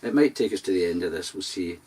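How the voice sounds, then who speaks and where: A Scottish man performing a live-streamed show, chatting casually between songs in a rambling, halting way with many fillers. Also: sits low, animated. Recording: distant mic in a live room. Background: acoustic guitar.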